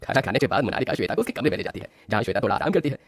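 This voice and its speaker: A man narrating a cartoon story as a lively storyteller. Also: medium pitch, rapid-fire, slightly rough, no room sound, clean studio sound.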